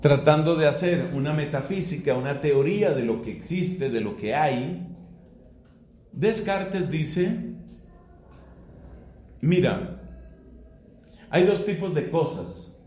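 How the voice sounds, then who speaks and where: A middle-aged man from Colombia, a priest, giving a philosophy lecture in a slow, deliberate way with rising emphasis. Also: on the high side, animated, darkish tone, slight background noise. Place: classroom or hall. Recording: echoey room.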